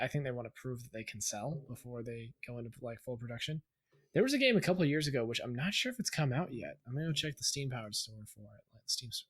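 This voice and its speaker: A man co-hosting a gaming podcast in casual chat, rambling and steering the talk with many pauses. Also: medium pitch, a bit bright. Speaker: podcast co-host.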